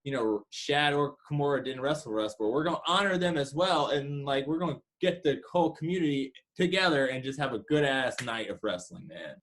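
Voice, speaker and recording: A man co-hosting a casual review podcast, talking excitedly and swearing freely. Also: medium pitch, fairly quick, few pauses. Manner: excited, profane. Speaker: podcast co-host. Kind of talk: casual wrestling review chat.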